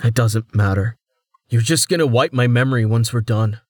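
A man voicing an exhausted, defeated young man who answers flatly and dejectedly in an audiobook. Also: medium pitch, moderate pace, no echo, clean studio sound, lightly acted. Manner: flat, dejected delivery. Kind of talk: audiobook character voice.

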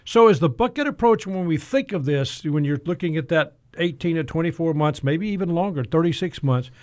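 A man's voice: fairly high pitch, expressive, brisk. A man hosting a financial talk show, asking questions and summarizing the guest's points. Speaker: host.

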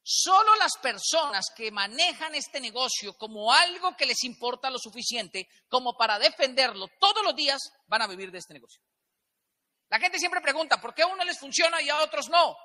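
A man speaks from a stage in a big hall, his voice sitting high and ringing sharply. He talks emphatically, throws rhetorical questions at the crowd and acts out little exchanges. A long reverb trails his words. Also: bright, forceful tone. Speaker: motivational business speaker. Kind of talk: motivational stage talk. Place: large event hall with a live audience.

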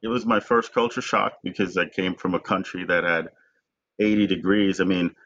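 A man in his forties, originally from Jamaica, talks as an interview guest with a very low, deep voice. He is reflective and stumbles over repeated words as he begins his thoughts. The recording sounds dull and lo-fi. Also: fairly even intonation, moderate pace, fairly bright tone. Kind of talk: conversational interview.

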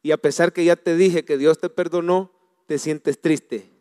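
Male pastor, sermon delivery, clear high voice, reverberant church hall. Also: a little slow. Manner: animated preaching, swings from hushed to loud.

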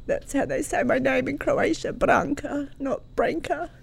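A woman's voice: high voice, normal speed, gravelly. Australian woman telling a personal story. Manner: animated, warm storyteller with frequent laughs. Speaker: guest.

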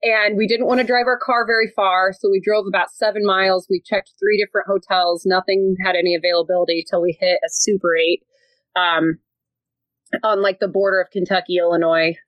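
A woman's voice: medium pitch, little pitch movement, brisk, a bit bright, dry recording, rough recording. Chatty woman telling a travel story. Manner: chatty, laughs often, many "like" fillers. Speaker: podcast guest. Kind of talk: casual storytelling.

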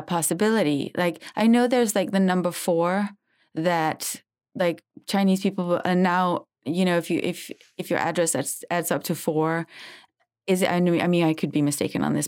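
A middle-aged woman from Denmark, a writer hosting a casual interview, who chats in an animated way and laughs as she acts out her own quotes. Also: fairly low pitch, moderate pace, clean tone. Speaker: podcast host and writer.

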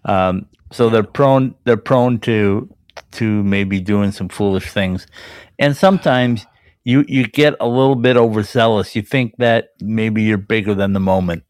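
A man co-hosting a hockey talk show, chatting in a relaxed way with lots of fillers. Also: on the low side, unhurried, no echo. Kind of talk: casual sports chat.

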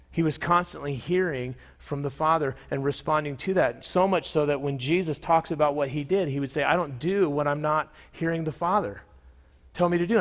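A man preaching a sermon as pastor, in a conversational way, with fillers and restarts, acting out quoted voices with sudden jumps in pitch.

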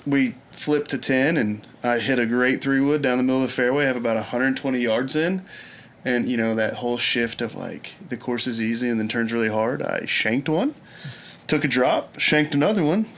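A man in casual chat, telling a long golf story with lively energy and frequent laughs. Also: mid-range voice, moderate pace, a little hiss or hum. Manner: animated storyteller, laughs often. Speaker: podcast guest telling golf stories.

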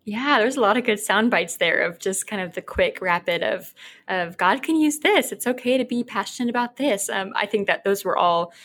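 A woman's voice: medium pitch, expressive, moderate pace, fairly bright tone. A woman in her twenties hosting an interview, encouraging and chatty, filling her speech with likes and ums. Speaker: podcast host. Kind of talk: casual interview talk.

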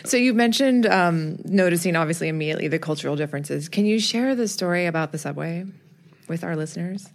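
Low-voiced woman co-hosting a podcast. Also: lively intonation, quick pace. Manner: curious, encouraging, laughs easily. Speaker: podcast co-host. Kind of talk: casual interview chat.

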